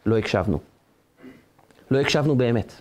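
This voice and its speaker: A man's voice: mid-range voice, expressive, a little mellow. A man, a rabbi giving a Torah lesson, who tells stories with animation and asks rhetorical questions.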